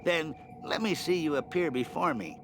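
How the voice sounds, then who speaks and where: A man's voice: a little high, lively intonation, moderate pace, noisy background. A man playing a stubborn, grumpy gravedigger in a comic adventure game, querulous and skeptical as he scolds. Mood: challenging. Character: jumpy, grumpy, stubborn gravedigger who loves horror novels.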